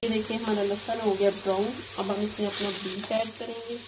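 Flat-voiced woman walking through a recipe. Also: medium pitch, very noisy. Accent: Pakistani Urdu. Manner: steady, even, unhurried instructions. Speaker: cooking channel host. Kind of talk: step-by-step recipe narration. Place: home kitchen. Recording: home kitchen recording with audible frying sizzle.

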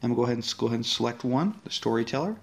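With a creaky, medium-pitched voice, a man who built an app talks through it very fast in a casual walkthrough. His tone is friendly and laid-back, peppered with fillers and restarts.

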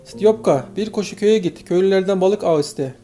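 A man voicing Kirya, a loud excited bather. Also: high-pitched, a little fast, faint music behind, voice pushed up, natural voice. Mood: shouting eagerly. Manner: shouting, bossy.

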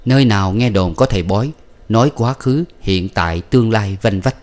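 A man reading a novel aloud as an audiobook narrator, with steady, measured storytelling. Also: on the low side. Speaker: audiobook reader.

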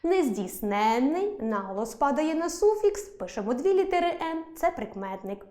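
A woman's voice: sits high, big pitch swings, darkish tone. Woman teacher, echoey room. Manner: clear, slow dictation of example words. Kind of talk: scripted online lesson.

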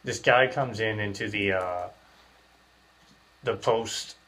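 Talking through clenched teeth because his jaw is wired shut, a podcast host in his thirties rambles in slang on a casual show. His voice is on the low side, slow, bright, and forceful in tone, recorded indoors in a small bare room.

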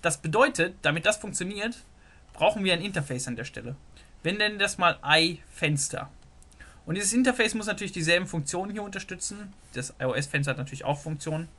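In a screen-recorded whiteboard lesson, a programming tutor sketches a software diagram while thinking aloud, peppering his speech with "so" and other fillers. His slightly high voice sounds bright and forward, close-miked on a desktop microphone, with lively intonation at a fairly quick pace.

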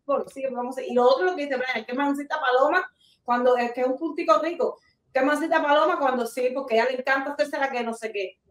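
Female host, animated scolding commentary, high voice, echoey room. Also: quick pace. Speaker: talk show host. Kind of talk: casual talk-show commentary. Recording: roomy, distant mic.

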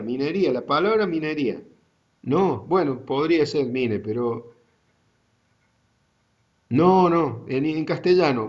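Docente argentino dando clase virtual, tono pausado y didáctico, voz algo alta, sonido opaco. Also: male voice, fairly high pitch, muffled recording. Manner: slow, deliberate explaining to students. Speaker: university GIS teacher. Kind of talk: online class lecture.

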